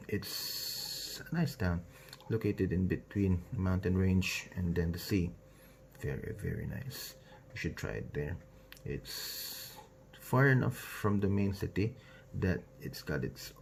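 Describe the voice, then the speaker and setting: A man's voice: low voice, gravelly, a little mellow, slight background noise. A Filipino man in his twenties, casually introducing himself to his viewers with many fillers and self-corrections. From Philippines. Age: 20s. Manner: rambling, hesitant, frequent fillers and self-corrections. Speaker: nurse vlogger.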